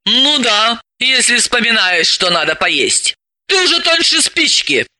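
A man's voice: extremely high pitch, big pitch swings, measured pace, bright, forceful tone, no echo, pitched above the performer's own voice, heavily acted. A man reading an audiobook, voicing a bossy, sardonic woman psychoanalyst who gives orders and mocks.

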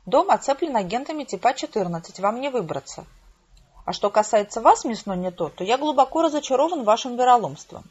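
A woman's voice: fairly high pitch, animated, brisk, breathy edge, voice pushed up. A woman voicing an indignant, pompous male lord in an audiobook, blustering, in a dull lo-fi recording.

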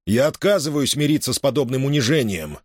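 A man's voice: medium pitch, lively intonation, fast, no room sound, studio quality, voice pushed up, natural voice. A man voicing an outraged defiant prisoner. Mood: indignant. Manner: indignant, outraged protests. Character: indignant defiant male prisoner. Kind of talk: audiobook character voice.

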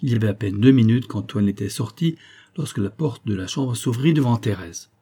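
A male narrator with a dark, mellow and husky voice, reading a novel aloud in measured, even storytelling. His pitch sits in an ordinary middle range. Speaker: audiobook narrator. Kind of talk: scripted narration.

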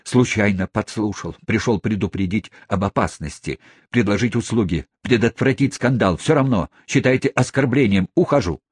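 A man's voice: on the low side, normal speed, husky, no echo, clean studio sound. A man voicing a bold, scheming male swindler who talks in clipped, choppy, melodramatic phrases. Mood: brash.

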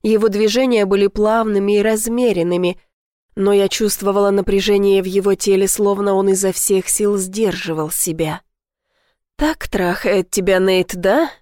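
Brief: female audiobook narrator, soft intimate first-person romance reading, dry close voice. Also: mid-range voice, flat delivery, moderate pace, no room sound.

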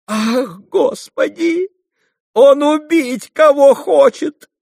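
A man voicing a frightened young maid who pleads in a high, breathless voice. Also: expressive, drawn-out words, vocal fry, a little mellow, no echo, clean studio sound, full character voice. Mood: horrified.

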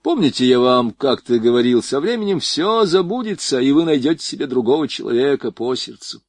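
A man voicing a shy young woman who speaks quietly. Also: medium pitch, animated, fairly quick, dry recording. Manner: quiet and soft.

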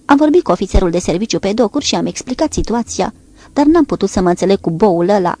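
Brief: woman narrator as a brusque, commanding young woman, loud and vehement, gravelly. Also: mid-range voice, lively intonation. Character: brusque, forceful young woman, a lord's daughter.

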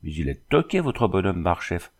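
A man's voice: deep voice, big pitch swings, normal speed, husky, heavily acted. A man reading a boastful, fussy French army dragoon in an audiobook, raising his voice for the role. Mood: brash. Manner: fussy, keeps repeating a title.

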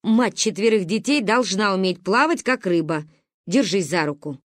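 A woman's voice: mid-range voice, animated, normal speed, dry recording, studio quality, close to an everyday voice. Curt, hot-tempered dad in a storybook, voiced by a woman, barking orders. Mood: bossy. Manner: brusque, commanding. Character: impatient, bossy father teaching swimming.

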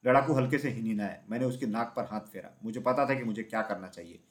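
A man's voice: lowish voice, fast talker. Man narrating a children's story. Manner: steady, even reading with small slips.

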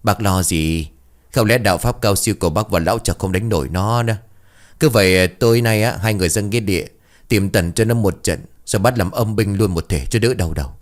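A man voicing a dim, cheeky young male sidekick in a spoken ghost story, with a whiny, excitable voice. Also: a little fast, natural voice. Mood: pleading, teasing. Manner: whiny, excitable, high-pitched.

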